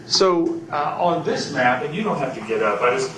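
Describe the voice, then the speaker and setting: A man questioning a witness as an attorney, in a halting, folksy, courteous and conversational way. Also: on the high side, animated, fairly bright tone. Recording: roomy, distant, noisy courtroom pickup.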